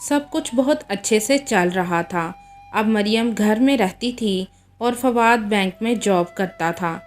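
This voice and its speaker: A woman storyteller reading a moral story aloud in a steady, measured way. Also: medium pitch, soft background music.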